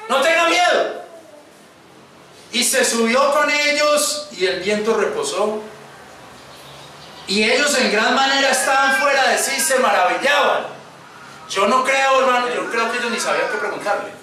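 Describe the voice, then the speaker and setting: A man preaching, retelling a Bible passage in a lively way and acting out the people in it. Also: very high-pitched, moderate pace, background noise. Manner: lively storytelling with acted quotes. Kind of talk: sermon, Bible passage retold. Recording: echoey room, mic far off.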